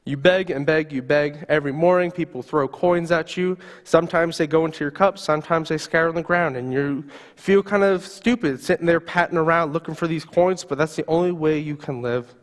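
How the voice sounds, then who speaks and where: A man's voice: a little high, a little fast. Male pastor, vivid storytelling sermon, lifted voice, reverberant church hall. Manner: vivid second-person storytelling.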